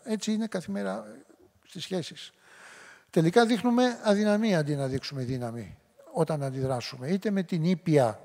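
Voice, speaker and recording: A man's voice: high voice, vocal fry, a little mellow. A middle-aged man giving a public lecture in a conversational way, now and then acting out short quoted lines. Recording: long hall reverb.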